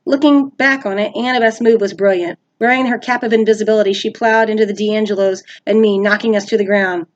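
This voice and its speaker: A woman teacher reading a chapter book aloud to her class in a steady, expressive voice. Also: medium pitch, brisk, few pauses, muffled recording. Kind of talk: storybook read-aloud.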